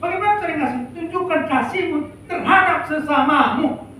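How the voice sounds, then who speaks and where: A man's voice: very high-pitched, moderate pace, pushed and bright, a little hiss or hum. A man preaching a sermon as pastor, emphatic and calling out to the congregation for replies. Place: church sanctuary. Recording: echoey church hall, mic far off.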